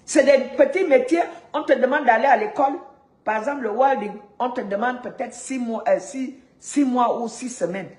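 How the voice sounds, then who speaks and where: A woman's voice: on the high side, normal speed, darkish tone. A woman from Gabon delivering a heated, indignant rant, repeating words when she gets stuck. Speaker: activist vlogger. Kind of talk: heated ranting monologue. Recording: echoey room.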